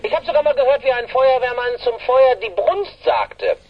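A man's voice: extremely high pitch, lively intonation, moderate pace. An actor playing a sly, mocking mystery man in a radio drama, with fake friendliness and playful taunts. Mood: sly, taunting. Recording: dull muffled line, faint noise.

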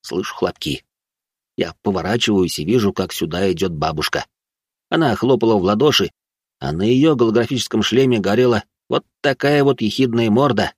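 A man's voice: on the low side, breathy edge, no room sound. A man narrating an audiobook in the first person with dry, sardonic storytelling.

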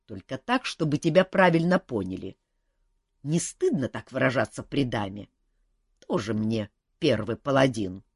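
A woman's voice: extremely low pitch, very animated, normal speed, husky, dry recording, studio quality, heavily acted. A woman voicing a sly, teasing young man who mocks his friend. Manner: teasing, wry. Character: mocking young male adventurer, sly joker.

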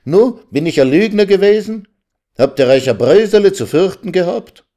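A man's voice: mid-range voice, very animated, moderate pace, mellow, close to an everyday voice. A man voicing a condescending village lawyer who lectures others on the law. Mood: mocking. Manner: lecturing, know-it-all. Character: know-it-all old village lawyer, condescending.

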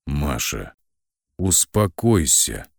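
A man's voice: sits low, lively intonation, slow pace, dry recording, studio quality, exaggerated voice. A man doing an icy, ruthless hitman. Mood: cold. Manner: icy, curt, commanding. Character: cold ruthless adult male hitman.

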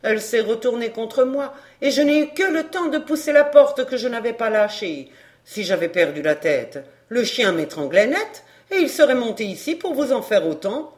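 A woman reading an excitable old woman servant in an audiobook, talking loudly and breathlessly. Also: fairly high pitch, normal speed, natural voice. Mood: agitated. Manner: loud, breathless, scolding.

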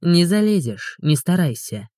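A woman voicing a grumpy, scruffy, sarcastic man in an audiobook, speaking gruffly and mockingly. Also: fairly low pitch, very animated, measured pace, mellow, dry recording, clean studio sound. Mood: grumbling. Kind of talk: audiobook character voice.

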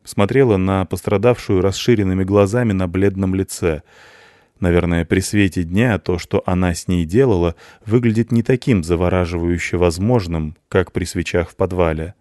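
A man narrating an audiobook in the first person, in an even, detached tone. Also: low-pitched, moderate pace, no room sound, studio quality.

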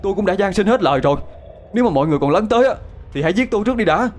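Figure: young husband, desperate. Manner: pleading, begging, voice climbing high and fast. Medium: spoken ghost story, voiced by a man. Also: lively intonation, darkish tone. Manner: pleading, raising voice.

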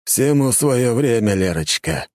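A man voicing an old, powerful grand prince in an audiobook, speaking slowly and thoughtfully. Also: medium pitch, expressive, darkish tone, no echo, studio quality, pitched above the performer's own voice. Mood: measured. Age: older. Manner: slow, weighty and thoughtful. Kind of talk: audiobook character voice.

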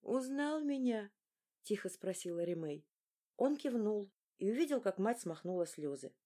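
A woman narrating a novel aloud in a scripted, expressive storytelling delivery. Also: mid-range voice, moderate pace. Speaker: audiobook narrator.

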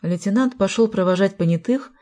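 A woman reading a novel aloud in an even, measured narration. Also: medium pitch. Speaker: audiobook narrator. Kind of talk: scripted narration.

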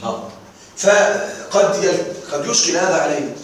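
A man teaching a grammar lesson to a class, reciting word pairs slowly and checking often that his students follow. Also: a little high, expressive, a little hiss or hum. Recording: echoey room, voice from afar.

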